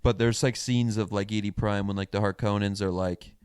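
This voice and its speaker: A man's voice: fairly low pitch, fairly even intonation, brisk, a little mellow, clean tone, dry recording, clean studio sound. A young man co-hosting a podcast, rambling crudely and trailing off mid-thought in casual chat. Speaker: podcast co-host.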